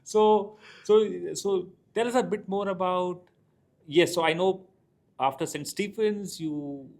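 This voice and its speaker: A man with a fairly high voice works as a podcast interviewer. His delivery is conversational and informal. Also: takes it slowly, darkish tone. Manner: informal, frequent short acknowledgements.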